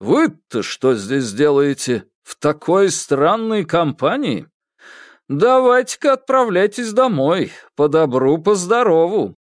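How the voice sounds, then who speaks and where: A woman voicing a pompous older man who scolds in a drawn-out, reproachful way. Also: low voice, big pitch swings, no echo, clean studio sound, voice pushed up, heavily acted.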